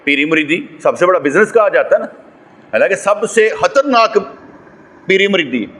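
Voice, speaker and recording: A man's voice: high-pitched, very animated, normal speed, a bit bright. A man from Pakistan with a Pakistani Urdu accent, giving a sermon as a religious scholar. He preaches and climbs to emphatic peaks, throwing rhetorical questions at his listeners. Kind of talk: sermon lecture.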